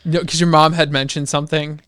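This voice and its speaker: A man on a casual podcast reacts to his co-host's story with quick bursts and short questions. His voice sits a bit high and sounds smooth and clear. The recording is close and dry, with no room sound. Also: little pitch movement, fairly bright tone, no room sound. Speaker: podcast co-host.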